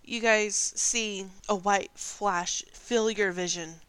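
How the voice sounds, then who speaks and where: A woman's voice: medium pitch, fairly even intonation, takes it slowly, fairly bright tone, smooth, no room sound. A woman game master narrating a tabletop role-playing game.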